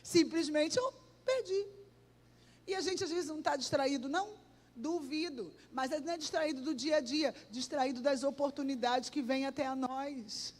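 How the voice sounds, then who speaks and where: High-voiced woman pastor preaching in a hall. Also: moderate pace. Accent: Rio de Janeiro Portuguese. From Brazil. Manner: animated storytelling, acts out dialogue, sings bits. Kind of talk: sermon with personal anecdotes. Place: church hall. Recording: church hall reverb.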